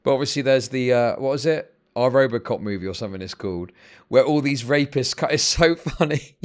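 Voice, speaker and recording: A livestream host with a medium-pitched voice talks briskly, spinning rambling, profane stories in casual chat. These tend to escalate into exasperated rants.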